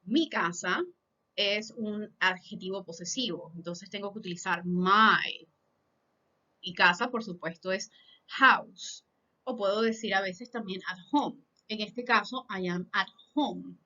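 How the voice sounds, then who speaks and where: A woman teaching beginner English in Spanish, saying example sentences slowly and carefully for learners to repeat. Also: mid-range voice, pushed and bright, muffled recording. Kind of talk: lesson in Spanish.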